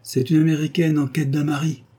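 A man's voice: fairly high pitch, little pitch movement, a little fast, mellow, voice pushed up, lightly acted. A man reading aloud, voicing a vain young man who talks in a teasing, smug way.

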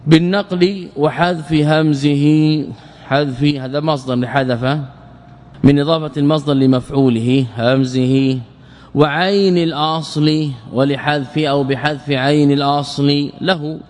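A man's voice: medium pitch, fairly even intonation, moderate pace, darkish tone, big-room sound. A man teaching a classical Arabic grammar lesson as an Islamic scholar, explaining step by step and repeating words and verse lines.

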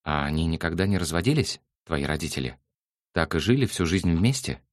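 A man's voice: animated, fairly quick, no echo, studio quality. A man voicing an impulsive, easily hurt young woman in an audiobook, lifting his voice into a pleading, emotional tone. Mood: indignant. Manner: raised pitch, pleading and emotional.

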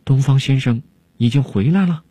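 A man voicing an anxious, timid male alchemist who frets and pleads, with a husky voice. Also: mid-range voice, moderate pace, mellow, dry recording, voice pushed up, natural voice. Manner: fretful, pleading.

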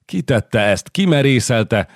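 A man's voice: mid-range voice, sing-song, dry recording, studio quality, voice pushed up. A male narrator voicing a young scheming count who speaks indignantly and coldly, in an audiobook. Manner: indignant, cold.

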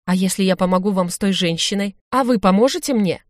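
A woman's voice: mid-range voice, quick pace, no echo, clean studio sound, lightly acted. Woman voicing a pleading young noblewoman. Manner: pleading, insistent. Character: young noblewoman, spoiled and scheming.

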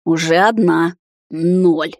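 A woman's voice: medium pitch, a little fast, dry recording, studio quality, lightly acted. A woman voicing a furious, betrayed young heroine who snarls threats and accusations. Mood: threatening.

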